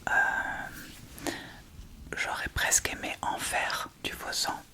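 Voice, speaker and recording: A woman ASMR video creator whispers softly and informally through a makeup tutorial. Her phrasing is hesitant and unhurried, in a soft, unvoiced whisper.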